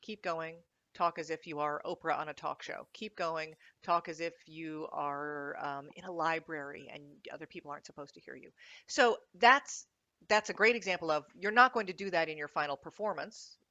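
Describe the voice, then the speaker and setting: A woman on a podcast panel describing speaking exercises with energetic, emphatic delivery. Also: deep voice, moderate pace, no room sound, lo-fi sound. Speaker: improv and speaking coach. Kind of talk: animated panel discussion.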